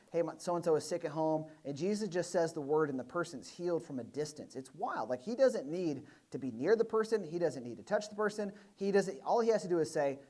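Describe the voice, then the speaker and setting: A young man preaches to his church in a loose, conversational way. His pitch sits a little high, and he jumps into quick acted-out voices as he tells the story. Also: darkish tone. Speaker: pastor. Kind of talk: sermon.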